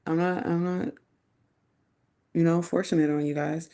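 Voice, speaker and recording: A woman's voice: low voice, little pitch movement, unhurried, warm tone. A woman giving a casual live tarot reading, thinking aloud in a chatty, loose way and swearing now and then. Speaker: tarot reader.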